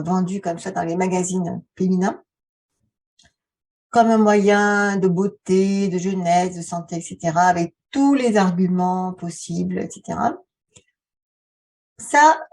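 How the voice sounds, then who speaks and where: A woman hosts a casual video, speaking straight to the viewer from a little way off the mic. Her voice is soft-edged, dark and somewhat husky, at a middle pitch. She talks in a halting, conversational way and leans on rhetorical questions. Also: recorded from a distance. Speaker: video channel host, author and relaxation therapist. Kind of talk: casual vlog talk addressed to the viewer.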